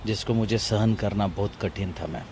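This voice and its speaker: Grieving middle-aged man, halting speech. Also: fairly low pitch, fairly even intonation, darkish tone, a little hiss or hum. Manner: halting, grief-stricken, repetitive. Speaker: grieving father of victim. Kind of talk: emotional TV interview.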